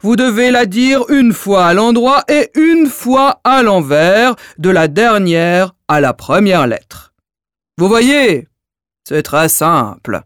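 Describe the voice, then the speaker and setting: A woman voicing a giant talking letter E, a male guide with a loud, slow, explaining voice in a children's storybook. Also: medium pitch, animated, smooth, dry recording, studio quality.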